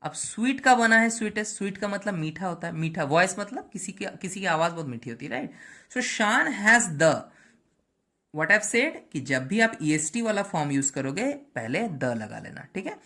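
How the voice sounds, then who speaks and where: A woman teaching English grammar, moving between Hindi and English, slowing down to spell out each English example and checking in with "right?" and "okay". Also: medium pitch, sing-song, a bit bright. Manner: mixes Hindi and English, slow over English examples. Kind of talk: classroom lesson.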